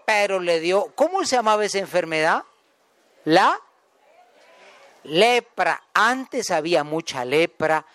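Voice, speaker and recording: A man's voice: high voice, clean tone, no room sound. A man with a Guatemalan accent preaching a folksy sermon in a chatty way, telling stories, joking and asking the congregation questions. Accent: Guatemalan Spanish. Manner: chatty, jokes with the congregation, asks them questions.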